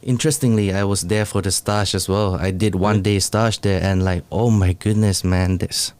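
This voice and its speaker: A man with a lowish, smooth, clear voice hosting a casual podcast. He talks eagerly and stumbles through repeated words, dropping slang as he asks his questions. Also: moderate pace. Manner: excitable, stumbling, slangy interviewer. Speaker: podcast host.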